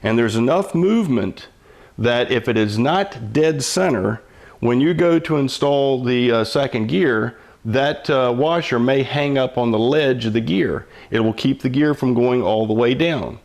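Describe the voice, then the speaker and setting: Older machinist patiently explaining. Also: male voice, medium pitch, measured pace, a little mellow. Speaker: mechanic giving instruction. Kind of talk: hands-on how-to explanation.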